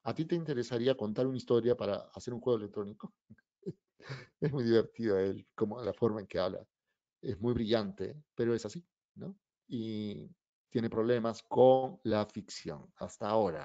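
A man's voice: lowish voice, normal speed, no echo, muffled recording. A middle-aged children's author giving an anecdotal talk, acting out the dialogue in his stories. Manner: animated storyteller acting out dialogue.

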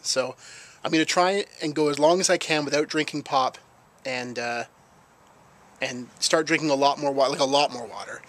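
A man's voice: medium pitch, moderate pace, fairly bright tone. A young man chats casually to a handheld camera outdoors, rambling jokily and repeating his phrases. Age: young adult. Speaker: vlogger. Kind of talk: casual vlog chat to camera. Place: outdoors in a snowy backyard in winter. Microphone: handheld camera at arm's length.

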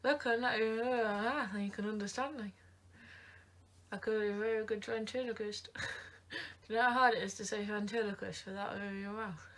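A woman's voice: medium pitch, fairly even intonation, moderate pace, a bit bright. A woman vlogging in a playful, teasing, chatty way, cooing sing-song sounds between remarks. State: short of breath near the end. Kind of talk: casual chatty vlog.

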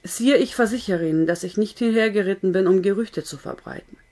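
A woman's voice: mid-range voice, brisk, natural voice. A woman voicing a stern male army captain who speaks firmly and keeps his tone neutral. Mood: earnest. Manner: firm and loud, careful to sound neutral.

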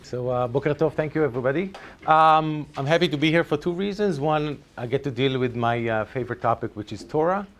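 Speaking fairly quickly with a voice on the high side, a middle-aged native Hebrew speaker with an Israeli accent presents at a teachers' workshop. The talk is chatty and hesitant, packed with ums and restarts, delivered in a lecture room with a projector screen.

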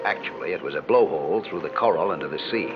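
An actor voicing an adult male diver who narrates his own story in a calm, measured, scripted voice-over. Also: sits low. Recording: dull lo-fi 1960s TV soundtrack with loud music.

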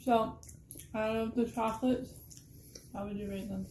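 A woman's voice: fairly high pitch, fairly even intonation, moderate pace. A woman vlogger chatting candidly through a casual snack taste test at home. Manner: chatty, candid running commentary. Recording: echoey room with background noise.

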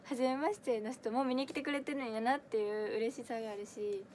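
A woman's voice: on the high side, steady tone, brisk, darkish tone, slight background noise. A young woman in her twenties with a Kansai accent, chatting casually on a livestream, giggly and full of fillers as she answers viewer comments. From Kansai, Japan. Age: 20s. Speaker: idol audition livestreamer.

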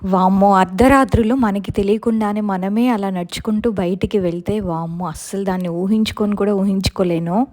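A woman narrating a viewer's real ghost experience in the first person as a storytelling channel host, slowing for the scary parts. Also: mid-range voice, a little mellow.

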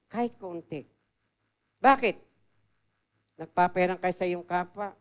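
A woman preaching a sermon as an assistant pastor. She tells stories in a conversational way, drops English phrases into her talk, and often moves between loud and soft. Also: fairly low pitch, measured pace. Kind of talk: storytelling sermon.

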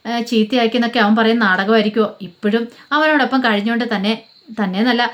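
A woman telling a story in a casual, run-on way, reading the characters' quoted lines flatly as reported speech. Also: on the high side, fast. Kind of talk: rapid casual retelling of a serial's plot.

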